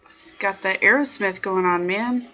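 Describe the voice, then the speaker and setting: Playful bright-voiced woman streamer. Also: medium pitch, measured pace. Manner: rambling, playful and sassy, greets chat viewers. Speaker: livestream show host. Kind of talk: casual chat reading viewer comments. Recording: dull lo-fi stream audio with faint background music.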